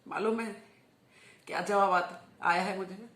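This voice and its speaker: A woman speaks in an impassioned appeal, driving her points home by repeating words. Her voice sits at a middle pitch. The recording carries a roomy echo. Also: fairly even intonation, measured pace, fairly bright tone. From Hyderabad, India. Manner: fervent, emphatic, repeats words for emphasis. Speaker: religious speaker.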